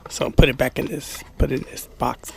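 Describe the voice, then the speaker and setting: This vlogger's voice is mid-range, level and brisk, with vocal fry, over slight background noise. He unboxes a product in a small carpeted room indoors, demonstrating it hands-on and talking folksily, almost to himself, as he handles items.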